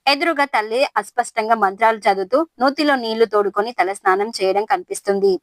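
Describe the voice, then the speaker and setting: A woman narrating a serialized family story in a steady, measured way, recorded close to the mic. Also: on the high side, no room sound.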